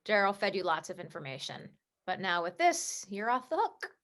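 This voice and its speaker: A woman playing a heartbroken, sharp-tongued young sports reporter in a comedy play reading over a video call, swinging into emotional, sarcastic outbursts. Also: medium pitch, very animated, moderate pace. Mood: tearful.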